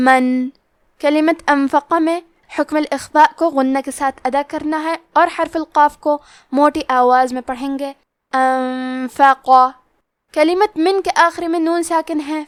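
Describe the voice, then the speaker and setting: A woman with a high voice teaches the rules of Quran recitation in a calm, explanatory manner. She stops to recite each word slowly, drawing out every sound. The recording is dry, with no room echo. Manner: explains rules plainly, then recites words slowly and drawn out. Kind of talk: tajweed lesson with slow recitation.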